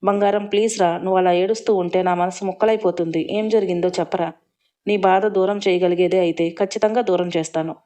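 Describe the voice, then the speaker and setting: A woman's voice: lowish voice, steady tone, a little fast, warm tone, natural voice. A woman voicing a tender, protective man who soothes and pleads with someone crying. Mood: soothing.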